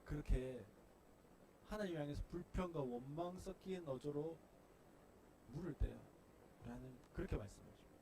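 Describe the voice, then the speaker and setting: A man preaching a sermon as pastor, emphatic, moving from quiet asides to loud, forceful outbursts. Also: fairly high pitch, moderate pace, long pauses, noisy background. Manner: emphatic, swings between soft asides and loud acted outbursts.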